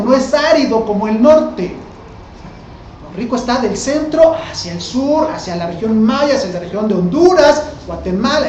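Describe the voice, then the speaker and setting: A man's voice: very high-pitched, roomy sound, a little hiss or hum, rough recording. A male teacher, giving a casual classroom lecture full of rhetorical questions to the class.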